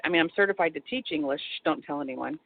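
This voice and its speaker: A woman's voice: sits low, fast. A woman author chatting as an interview guest, rambling with lots of restarts and asides. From Texas. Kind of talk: casual phone interview. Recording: tinny phone line.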